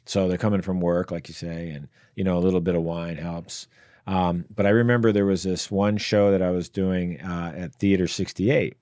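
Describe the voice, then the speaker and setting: Podcast guest: man, lowish voice, dry close sound, rambling storyteller. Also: steady tone, normal speed, a little mellow, smooth, no room sound. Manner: rambling anecdotes with fillers and laughs. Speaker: guest comedian. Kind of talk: casual storytelling. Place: podcast studio.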